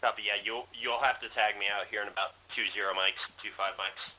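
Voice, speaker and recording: A man's voice: lowish voice, steady tone, brisk. A man giving terse, procedural military radio calls as a helicopter pilot, heard through a radio with static bursts. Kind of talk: clipped military radio talk. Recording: noisy in-game radio, distant.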